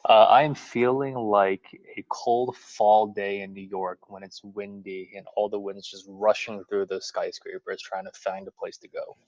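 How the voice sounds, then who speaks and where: A man taking part in an online class call, speaking in a calm, descriptive way. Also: lowish voice, unhurried, hardly any pauses, no echo, highs cut off. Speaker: course participant.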